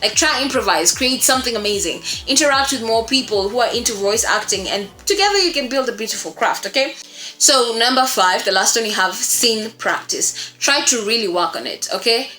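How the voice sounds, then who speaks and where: Her voice is a little high, animated and brisk, pushed and bright, as she coaches voice acting in a casual lesson for viewers. She's encouraging and emphatic, repeating things for emphasis, with music in the background and a roomy echo.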